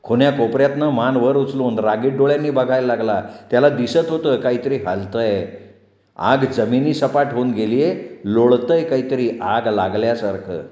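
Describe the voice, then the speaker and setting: A male storyteller reads a novel aloud in a steady, measured way. His voice sits in the middle range, and the recording is roomy and a bit dull. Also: mid-range voice. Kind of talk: novel reading.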